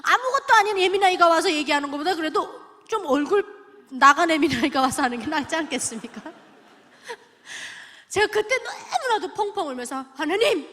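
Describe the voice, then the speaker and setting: A woman from North Korea giving an emotional, animated testimony sermon in a church. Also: extremely high pitch, moderate pace, in a large hall. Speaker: guest speaker giving testimony.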